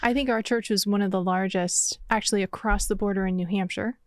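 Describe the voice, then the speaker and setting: A woman's voice: medium pitch, fairly even intonation, brisk, dry recording. Thoughtful woman guest from Vermont. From Vermont, USA. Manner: thoughtful, explains in detail. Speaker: interview guest, church mission director. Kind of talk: conversational interview.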